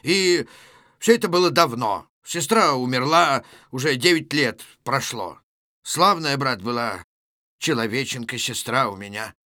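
A man's voice: mid-range voice, animated, a little slow, bright, forceful tone, no echo, studio quality. A man reading a play aloud, voicing a cynical ex-convict who lectures his neighbors. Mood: sardonic. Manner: sardonic, lecturing. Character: cynical, worldly male ex-convict, mocking.

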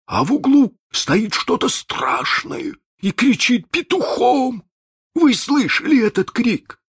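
A man voicing a frightened pirate sailor who talks slowly and hollowly. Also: mid-range voice, sing-song, darkish tone, dry recording, studio quality, voice pushed up, full character voice. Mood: dread. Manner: slow, hollow, dread-filled.

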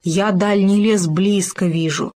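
A woman voicing a small, curious and lively male hamster in a storybook reading. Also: mid-range voice, no echo, lightly acted. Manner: eager, quick to reply.

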